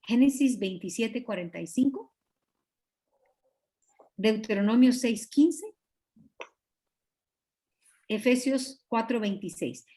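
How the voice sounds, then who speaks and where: A woman, a pastor's wife, teaching a Bible study over a video call with a Guatemalan Spanish accent, earnest and confiding, often clearing her throat. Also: fairly high pitch, takes it slowly, pauses often, dark tone. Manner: earnest, confiding, acts out quoted dialogue.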